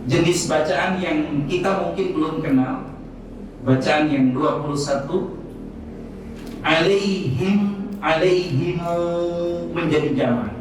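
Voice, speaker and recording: Man, religious teacher, slow deliberate talk, recites with melody, echoey hall, distant mic. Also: a little high, noisy background. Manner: explains slowly, recites Arabic with melody. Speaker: religious teacher answering questions. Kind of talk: Islamic study talk, Q&A. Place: hospital hall.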